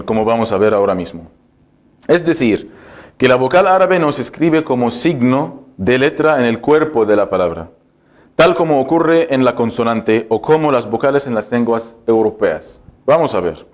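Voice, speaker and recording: Slow, patient man teaching a language lesson. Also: mid-range voice. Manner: repeats each syllable slowly for the learner to copy; explains step by step, asking and answering his own questions. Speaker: Arabic teacher.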